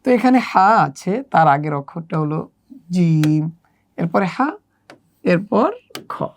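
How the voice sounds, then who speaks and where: A woman teaching children the Arabic letters, slowly and patiently working through a workbook one exercise at a time. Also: on the low side, animated. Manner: slow, patient step-by-step instruction. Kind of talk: workbook lesson walkthrough.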